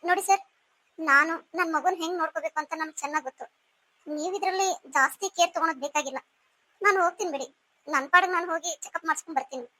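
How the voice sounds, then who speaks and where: A woman's voice: very high voice, rapid-fire, sharp tone. A woman voicing a hurt, bitter young pregnant wife in a cartoon story, speaking in a reproachful, pleading way. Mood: cold.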